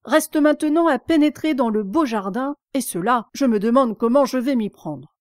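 A woman's voice: fairly high pitch, lively intonation, moderate pace, no echo, lightly acted. Storybook girl, frank and indignant, played by a woman reader; dry close sound. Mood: earnest. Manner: indignant, hesitant.

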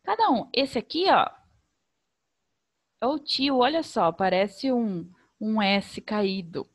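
Brazilian woman primary teacher, lively sing-song delivery, slightly high voice, slow careful wording for kids. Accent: Brazilian Portuguese. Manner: sing-song, slow and over-articulated for children. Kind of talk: remote lesson for young children.

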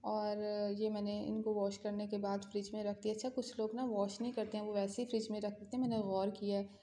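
Talking directly to viewers in a chatty home vlog, a young Pakistani woman speaks fast with a Pakistani Urdu accent in a dark, level, medium-pitched voice. The recording, made in an echoey home room, carries faint ambience and slight hiss or hum.

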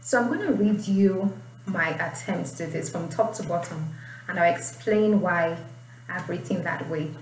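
A young adult woman with a Nigerian accent teaches IELTS writing in an informal tutorial, explaining and reading aloud at a measured pace in a fairly low voice. She's in a small indoor room, and the distant mic gives a roomy sound with faint noise.

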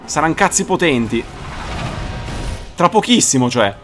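A young man doing let's play commentary, excitable, swearing and shouting at the game. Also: a little high, unhurried, soft background music. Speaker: gaming YouTuber.

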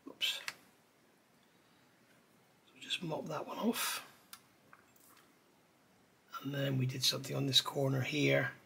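Slow and gravelly, with long pauses, a middle-aged man's mid-range voice comes through alongside a slight hiss or hum. Working with his hands at an indoor hobby bench, he rambles easily through a scale model tutorial peppered with chatty asides, shot from an overhead camera.

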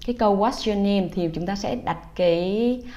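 A woman's voice: medium pitch, normal speed, mellow. A woman, a teacher, explaining English phrases and pronunciation to parents in a patient, casual way. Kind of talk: casual instructional talk to parents.

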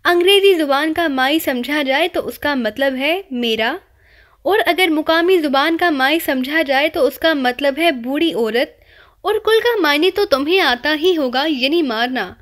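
A woman's voice: sits high, expressive, a bit bright. A woman voicing a cheeky young male spy who teases people with mock-polite, rambling wordplay, in an audiobook reading. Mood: playful teasing.

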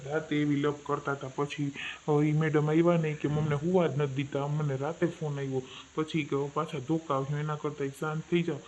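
A man's voice: on the high side, little pitch movement, brisk, a little mellow, muffled recording, slight background noise, lightly acted. A man playing an exasperated villager who complains to an official in a comedy skit.

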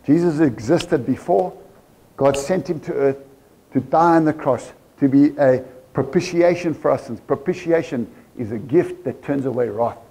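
A man with a South African accent preaching a sermon in church, animated and full of rhetorical questions to the congregation. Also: mid-range voice, normal speed, breathy edge. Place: church service.

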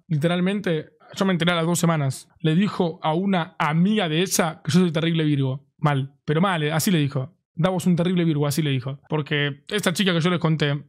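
A young man with a Rioplatense Argentine accent telling an animated, slang-heavy story to his stream chat. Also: on the high side. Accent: Rioplatense Spanish. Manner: animated, slangy, mimics friends in raised voice.

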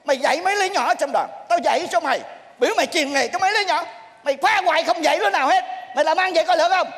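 A man with a Southern Vietnamese accent plays a troupe master in a live stage sketch, scolding with a very high voice. He keeps breaking into exasperated shouts. The sound rings with long reverb from a theater hall. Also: very fast.

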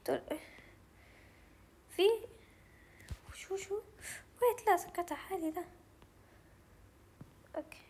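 A woman's voice: very high voice, slow, pauses often, a little mellow. A young woman with a Levantine Arabic accent, chatting through a game as she plays, thinking aloud and mixing in English words. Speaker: gaming channel host. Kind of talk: let's play commentary.

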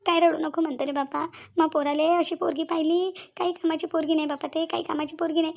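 A woman's voice: very high voice, level tone, fast talker, gravelly, a little mellow. A woman voicing an aggrieved middle-aged mother in a cartoon, with a whiny, lamenting manner. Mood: complaining. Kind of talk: cartoon voice acting.

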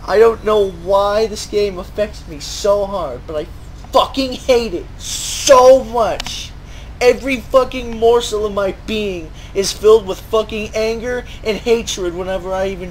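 A gaming video host with a high, slightly bright voice mocks and rants his way through sarcastic commentary, swearing as he goes. The recording is noisy, with game sound playing behind him.

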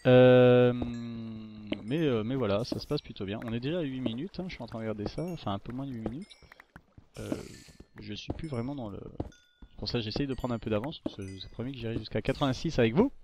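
A man's voice: medium pitch, fairly quick, dark tone, a little hiss or hum. A man casually narrating a video game as he plays, chatty and rambling, coaxing the creatures on screen. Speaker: gaming YouTuber. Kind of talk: casual let's-play commentary. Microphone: desktop microphone.

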